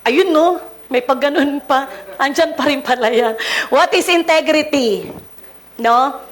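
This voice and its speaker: Filipino lady preacher, kinda stuffed up from a cold, high voice, laughs a lot telling stories. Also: unhurried. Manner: chatty, laughing, storytelling. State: congested with a cold. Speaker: lay preacher. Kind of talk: casual sermon introduction.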